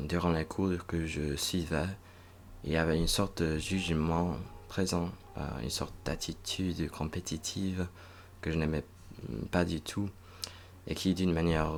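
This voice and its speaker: Very deep, gravelly-voiced young man musing. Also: a little hiss or hum. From United States (northern Virginia). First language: English. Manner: hesitant, many filler pauses and restarts. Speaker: recent master's graduate vlogger. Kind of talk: unscripted reflective monologue.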